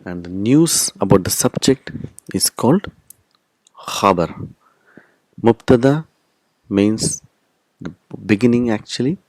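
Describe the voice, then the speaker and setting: A man's voice: fairly low pitch, expressive, slow, pauses often, a little mellow, dry recording. A man teaching a recorded language lesson, explaining step by step and repeating key terms. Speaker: Arabic teacher.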